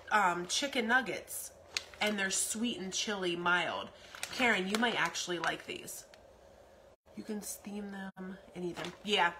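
A woman's voice: mid-range voice, noisy background. A woman in her forties chatting casually through a grocery haul in her home kitchen, rambling with lots of ums and repeats. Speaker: vlogger. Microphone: phone camera at arm's length.

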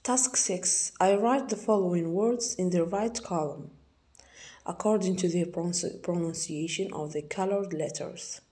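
A young woman teacher with an Algerian accent goes through an exam correction, slowly repeating each word to model its pronunciation. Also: fairly low pitch, warm tone. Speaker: English teacher.

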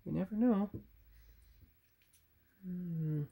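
A man speaks extremely slowly in a high-sitting, warm voice that is slightly rough and has vocal fry. Working at his workbench, this channel host and model builder chats with viewers about his model painting, thinking out loud and self-correcting. The recording comes from a phone camera on a tripod.

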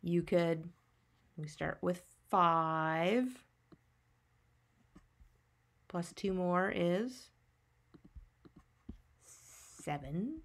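A woman's voice: fairly low pitch, extremely slow, long pauses. A woman teacher narrating a maths lesson for young children, patiently teaching a child to count step by step with simple questions and answers.

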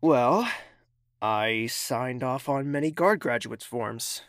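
An actor voices a haughty, impatient young royal prince in an audio drama, sounding clipped and condescending yet relaxed and familiar in mood. The mid-range voice moves slowly, recorded in studio quality with no echo.

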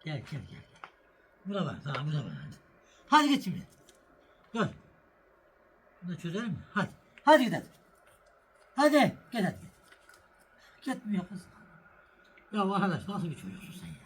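Middle-aged male vlog host, husky voice, lively swooping delivery, chats to camera while cooking, coaxes animals. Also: high voice, normal speed, pauses often. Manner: talks to viewers while making a sandwich, then shouts and coaxes an animal. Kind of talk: casual cooking and farm vlog.

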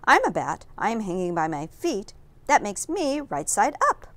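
A young girl bat from a children's storybook, acted out by a woman. She is earnest and excitable, exclaiming with wide-eyed wonder in a very animated, swooping voice. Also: mid-range voice, normal speed. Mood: puzzled, insistent.

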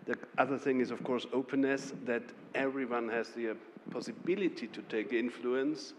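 A man with a German accent talks on a panel in a calm, measured way. He breaks off now and then with a short laugh or a restart. His voice carries a long reverb from a large conference hall, with a faint murmur of ambience behind it. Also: medium pitch, a little hiss or hum. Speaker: Member of the European Parliament. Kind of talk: panel discussion.

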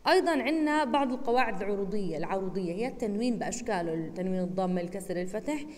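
Slow-drilling Jordanian teacher, woman, echoey. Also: medium pitch, animated, darkish tone. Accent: Jordanian Arabic. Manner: slow, deliberate syllable-by-syllable drilling. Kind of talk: recorded online lesson.

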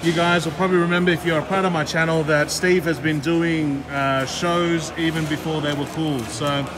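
A man vlogs an upbeat, chatty walkaround of an aquarium expo on a handheld gimbal camera, running quickly through the booths. His voice is a little high with fairly even intonation, and background chatter fills the large, noisy indoor hall.

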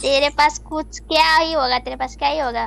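Rude high-voiced woman in game chat. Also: steady tone, fairly quick, vocal fry, a bit bright. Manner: rude, insulting, bossy. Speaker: player in voice chat.

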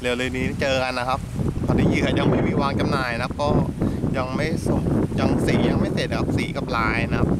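A man filming his own fishing trip, talking casually about his lure and the catch while out on the water. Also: medium pitch. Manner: excited exclamations while fishing. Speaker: fishing vlogger. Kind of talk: casual outdoor fishing commentary. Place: outdoors on water. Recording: heavy wind noise outdoors. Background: wind and water.

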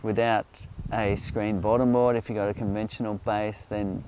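A middle-aged Australian man explaining things off the cuff in a measured, halting way, recorded outdoors. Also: lowish voice, flat delivery. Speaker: beekeeper, presenter answering viewer questions. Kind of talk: unscripted explainer talk. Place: outdoors on an open grassy hillside. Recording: outdoor recording with loud background noise.

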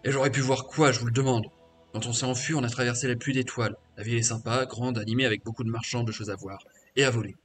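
A man's voice: mid-range voice, fairly even intonation, fast talker, a bit bright, natural voice. A man voicing a bitter, defiant male half-orc warrior mage who was once a slave, reading crude, scornful game dialogue aloud over faint game music.

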